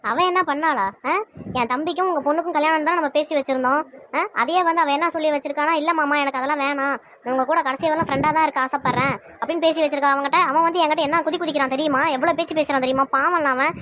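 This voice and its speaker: A woman with a Tirunelveli Tamil accent voices an angry, sarcastic mother who sides with her brother in a cartoon family quarrel. Her high, steady voice is a bit bright and very fast, nagging in tone. There's slight background noise.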